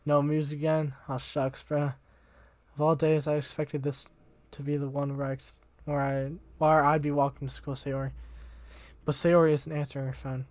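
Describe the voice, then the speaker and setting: A man's voice: fairly high pitch, level tone, moderate pace, darkish tone, no room sound. A young man reading a visual novel aloud as the channel host, casual and slangy, tripping over words now and then.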